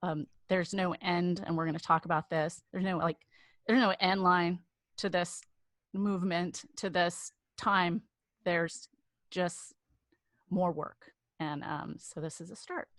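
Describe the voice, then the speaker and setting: A woman hosts a podcast in a slightly low voice, speaking earnestly but haltingly, with lots of ums and restarts. Her sound is dry and close, with no room around it. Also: steady tone, no room sound. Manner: earnest, halting, with many fillers. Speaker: podcast host. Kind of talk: podcast interview.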